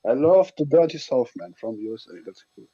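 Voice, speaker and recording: A man's voice: mid-range voice, very animated, fairly quick, mellow, slightly rough, dry recording. A man joining a stream voice chat, speaking in simple broken English and teasing playfully. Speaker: voice chat guest. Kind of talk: casual chat. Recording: dull lo-fi voice chat audio.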